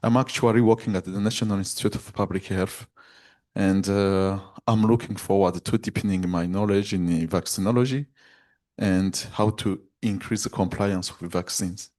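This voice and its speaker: A man's voice: low-pitched, steady tone, moderate pace, darkish tone. A man with a Burundian accent gives a spoken self-introduction to a group. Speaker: course participant, doctor.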